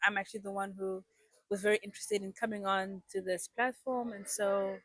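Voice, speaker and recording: A woman's voice: mid-range voice, flat delivery, a little fast, no room sound. A young woman, a guest raised in South Africa with English as her first language, chatting casually in an interview with many ums and restarts.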